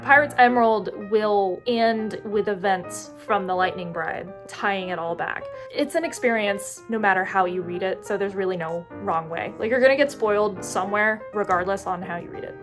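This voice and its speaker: An American woman talks casually about her own book, chatty and a little rambling, often stopping to correct herself. Her voice sits in a middle pitch. Music plays clearly behind her. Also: normal speed, hardly any pauses. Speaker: indie author. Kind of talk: casual chat to camera. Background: background music.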